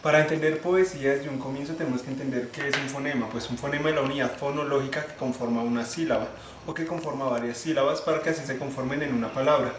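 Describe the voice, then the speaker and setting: A young man giving a class presentation, explaining step by step, restarting phrases and slowing down to spell out syllables. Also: medium pitch, fairly even intonation. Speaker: student presenter. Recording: echoey room, faint ambient noise.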